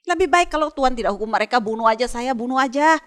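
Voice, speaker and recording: A woman's voice: sits high, expressive, fast, fairly bright tone. A woman voicing the prophet Jonah as a sulking, angry man who complains and begs to die. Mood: complaining. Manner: whiny, complaining, begging to die.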